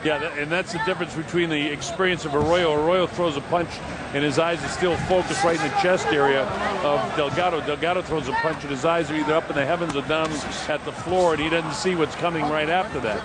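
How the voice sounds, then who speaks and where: A man's voice: a little high, steady tone, quick pace, over a noisy crowd. A man giving live, analytical boxing commentary in a conversational way. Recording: loud arena noise throughout. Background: noisy live boxing venue.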